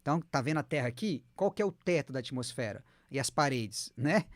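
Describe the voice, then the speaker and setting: A man's voice: medium pitch, dry recording, studio quality. A man teaching an online English lesson, chatty and encouraging, whose first language is Portuguese. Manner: lively, chatty, repeats words slowly for students to copy.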